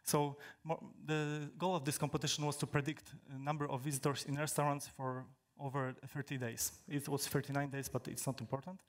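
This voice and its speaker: A young conference speaker from Poland, whose native language is Polish, presents a technical talk from the stage of a big hall. His voice sits on the high side with little pitch movement, and he speaks haltingly, with lots of fillers and restarts.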